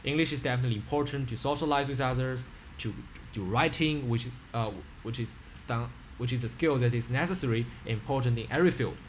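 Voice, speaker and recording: A teenage student from China, a native Mandarin speaker with a Chinese accent, earnestly introduces himself over a webcam video call from a small room, full of fillers and restarts. His mid-range voice runs a little fast, and the rough recording has some hiss or hum.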